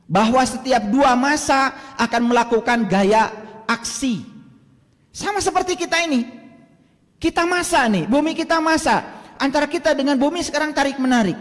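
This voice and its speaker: A male religious teacher with an Indonesian accent preaching a sermon, dramatic, swinging from loud to hushed and slowly chanting Arabic verses. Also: very high voice. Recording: long hall reverb.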